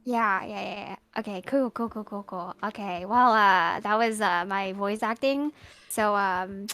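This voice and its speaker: A woman's voice: mid-range voice, unhurried, bright, forceful tone. Playful, giggly woman streamer. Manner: playful, giggly, jokes about herself. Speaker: streamer playing a visual novel. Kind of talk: casual live-stream chat and reading game lines.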